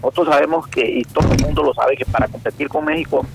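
A man with a Honduran accent calling in to a radio show, halting and often repeating words as he searches for them. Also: a little high, fairly even intonation, gravelly, music in the background, low-quality recording. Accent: Honduran Spanish. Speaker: radio caller. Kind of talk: call-in opinion.

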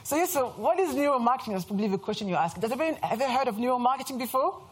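Her fairly high voice races along, expressive and edged with breathiness. She's a Frenchwoman in her thirties with a French accent, delivering a lively, chatty, self-mocking presentation before a live audience in an event room.

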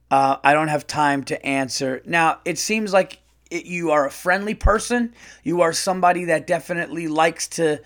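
A man hosting a casual comedy podcast, reading listener letters aloud and reacting bluntly, often laughing and cursing. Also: fairly high pitch. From United States. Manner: animated, laughs a lot, blunt and profane. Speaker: podcast host.

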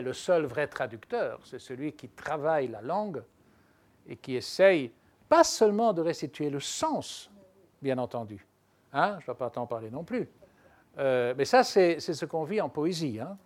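A man, a literary translator, talking reflectively in an interview, pausing and restarting as he thinks, then pressing hard on key points. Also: a little high. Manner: thoughtful, hesitant restarts, animated emphasis.

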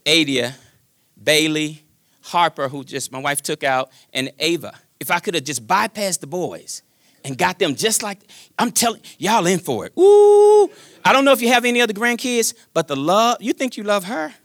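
Lively high-voiced preaching man. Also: normal speed, dry recording, clean studio sound. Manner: folksy, joking, swings between loud preaching and quiet asides. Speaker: pastor. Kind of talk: sermon.

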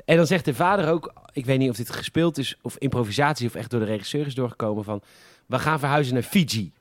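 A Dutch man co-hosting a casual film podcast, walking through scenes one after another and slipping into the characters' lines as he goes. His voice sits at an ordinary middle pitch. The recording is close and dry. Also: fast talker, no room sound. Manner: retells scenes at length, acting out quoted lines. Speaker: podcast co-host.

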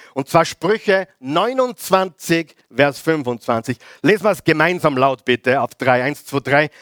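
A man's voice: fairly high pitch, a bit bright, no room sound, clean studio sound. A middle-aged man with an Austrian accent preaching a sermon as pastor, leading the congregation through call-and-response readings.

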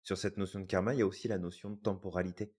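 Talking through ideas as a podcast co-host, this man is thoughtful but hesitant, full of fillers and restarts. His deep, slightly rough, somewhat mellow voice barely moves in pitch, and he speaks rapid-fire.

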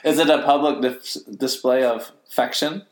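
A man's voice: mid-range voice, fairly even intonation, moderate pace, poor audio. Giggly bewildered male co-host. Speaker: podcast co-host. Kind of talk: improvised comedy podcast.

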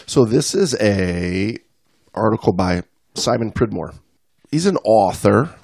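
A man co-hosting a casual podcast chat about diving, animated and reading passages aloud with emphasis. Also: lowish voice, takes it slowly, creaky, no room sound, studio quality. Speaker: podcast co-host.

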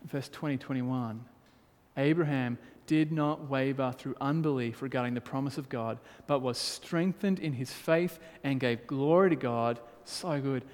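A man's voice: on the high side, a little slow, few pauses, a little mellow. A man preaching a sermon as pastor, reading scripture aloud and then pressing his points with rising emphasis. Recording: long hall reverb.

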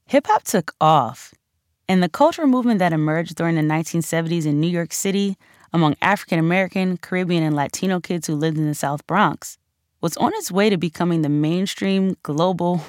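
A woman with a lowish voice narrates her own nonfiction audiobook from a script, telling it in a conversational, emphatic storytelling style. She is close on the microphone, with no room sound.

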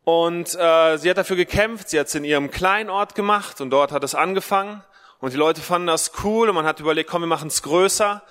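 Fairly high in pitch and sharp in tone, a preacher gives a laid-back, conversational livestreamed sermon for Mother's Day in a hall with long reverb. He is from Germany with a Russian-German family background, has a speech impediment that keeps his R unrolled, and repeats short phrases for emphasis.

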